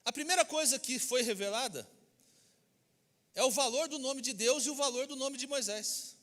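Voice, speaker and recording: A man's voice: very high voice, normal speed, a bit bright. A man with a Brazilian Portuguese accent preaching a sermon as pastor in a church, emphatic and acting out the people he quotes. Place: church sanctuary. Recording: long reverb of a church hall.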